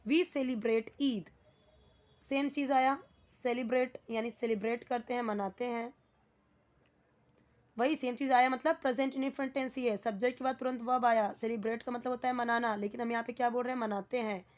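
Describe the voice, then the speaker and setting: A young adult woman teaching English grammar, who reads English sentences slowly and then explains each word in Hindi. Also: on the high side, fairly even intonation.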